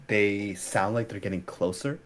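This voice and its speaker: A young man narrating as game master of a tabletop game, casual and halting with many fillers. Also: lowish voice, steady tone, a bit bright.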